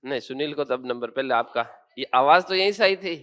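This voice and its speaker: A man's voice: medium pitch, animated, a little fast, fairly bright tone. A male teacher giving a geography lesson in a classroom, quizzing students and then explaining points firmly.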